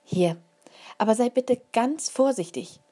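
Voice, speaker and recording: Woman playing a gentle mother, higher voice, patient, explaining, lively, storybook. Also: a little slow, slightly rough. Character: warm, careful mother of a small girl.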